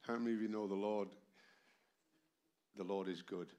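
This sermon comes from a man in his seventies whose fairly low, dark-toned voice stays fairly even in intonation at a normal speed. He sounds tired from a cold and keeps throwing rhetorical questions at the congregation. The church hall setting is heard through an amplified microphone.

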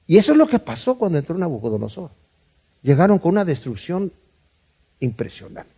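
A man's voice: on the high side, very animated, a little fast, warm tone, husky. A middle-aged man from Mexico with a Mexican Spanish accent, teaching a Bible study in a conversational way, often repeating words and asking "¿verdad?".

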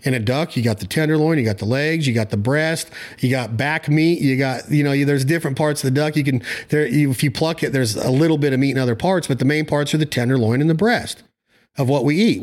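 A man's voice: mid-range voice, fast talker. A man talking casually and at length about his views in an emphatic, blunt, rambling way, using mild slang. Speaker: hunting show host. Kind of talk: casual opinionated chat.

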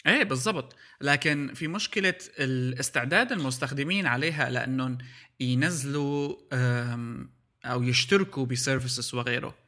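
Male podcast co-host, Levantine Arabic accent, quick casual delivery, very sharp tone, English terms mixed in. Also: mid-range voice. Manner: mixes English words into Arabic. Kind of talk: casual tech discussion.

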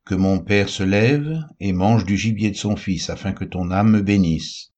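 A bitter elder son who pleads with his father after being cheated, read by a man. The voice is very low and husky, in a reading tone. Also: a little slow, darkish tone, lo-fi sound. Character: bitter wronged elder brother.

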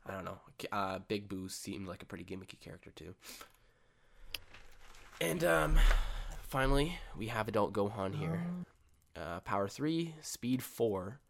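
Rambling young man with a low voice. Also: big pitch swings, a little slow, vocal fry. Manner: rambling, reads stats aloud with fillers. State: hiccups. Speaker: podcast co-host. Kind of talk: casual gaming chat.

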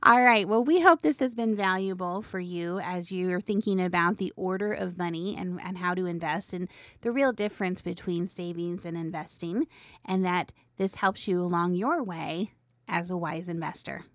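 Female radio host, slightly low pitch, informal explainer of money matters, close dry studio sound. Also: moderate pace, dry recording. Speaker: financial radio show host. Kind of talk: conversational financial advice broadcast.

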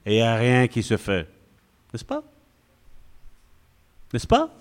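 A male pastor giving an animated, conversational sermon full of asides to the congregation. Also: medium pitch, slow pace.

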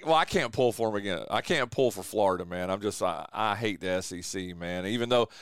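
A man hosting a casual sports podcast, animated and joking, calling his guest "dude". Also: fairly low pitch, a little fast, clean tone, no echo. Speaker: podcast host.

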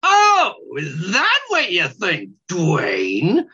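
A man's voice: high voice, wildly swooping pitch, a little slow, slightly rough, lo-fi sound, voice pushed up, full character voice. A man voicing a small, rude, snide male weasel who snaps and sneers with contempt. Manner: snappy, contemptuous, shouts.

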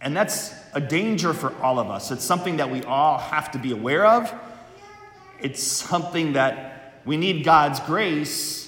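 A male priest reads the Gospel and preaches, slow and measured, going back over key phrases for emphasis. His voice rings through a long cathedral echo in a roomy church space. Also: fairly high pitch, a bit bright. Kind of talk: Gospel reading and homily.

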